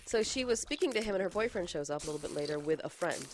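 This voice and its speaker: A woman's voice: fairly low pitch, animated, quick pace, a little hiss or hum. A woman in an interview recounting what someone told her, conversational and full of hesitations.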